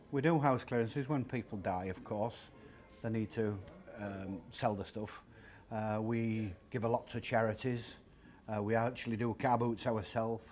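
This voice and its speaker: A man in his fifties with a fairly low, darkish voice owns a secondhand shop and is interviewed in his large indoor furniture warehouse. Chatty and plain-spoken, he demonstrates old items and explains their prices step by step.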